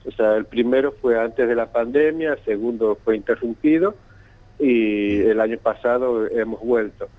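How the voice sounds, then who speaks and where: A man's voice: mid-range voice, normal speed. Man over a bad phone line. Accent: Santiago del Estero Argentine Spanish. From Santiago del Estero, Argentina. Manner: hesitant, repeats words often. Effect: bad phone connection. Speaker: event organizer. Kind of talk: phone-in radio interview. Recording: tinny, choppy phone line.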